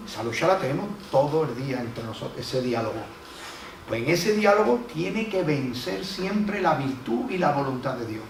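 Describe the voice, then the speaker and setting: A man's voice: mid-range voice, sing-song, normal speed, vocal fry, a little hiss or hum. A man preaching a sermon as pastor, telling folksy stories and acting out the voices he quotes. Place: church hall. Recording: echoey hall from a distant mic.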